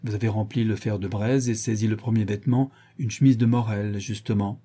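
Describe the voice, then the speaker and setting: A man reading an audiobook, voicing a stern, shrewd woman who questions her servants in a measured, deliberate way. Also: on the low side, fairly even intonation, warm tone, slightly rough. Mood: cold.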